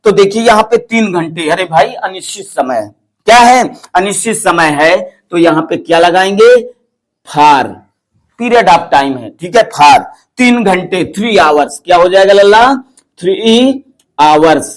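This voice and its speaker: Animated high-voiced teacher. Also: male voice, slow. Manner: animated, repeats questions and answers them himself, coaxing students. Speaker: English grammar teacher. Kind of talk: classroom-style grammar lesson.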